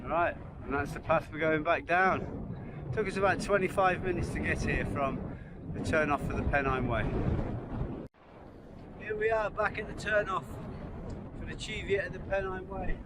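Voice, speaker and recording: A man's voice: sits high, normal speed. A man giving casual, chatty walk-along narration as a hiking vlogger, talking informally into a handheld camera outdoors. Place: outdoors on open moorland hills. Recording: outdoor wind and ambient noise.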